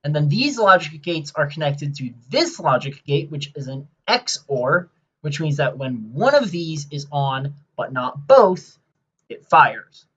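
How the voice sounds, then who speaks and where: A man giving casual gameplay commentary, rambling and excitable as he explains his build, with many filler sounds. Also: fairly high pitch, a little slow, slightly rough, highs cut off.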